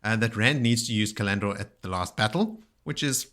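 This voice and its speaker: A man's voice: fairly low pitch, a little fast, a bit bright. A man hosting a podcast in a casual chat, recapping at length with enthusiasm and many fillers. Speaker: podcast host.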